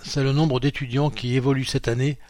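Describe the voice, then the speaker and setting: Male reader, mid pitch, plain dry studio sound; reads articles aloud, calls out pages and quote marks. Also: brisk, no echo. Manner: reads out quote marks and page numbers, steady informative delivery. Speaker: magazine reader. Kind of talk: read-aloud narration of a printed magazine.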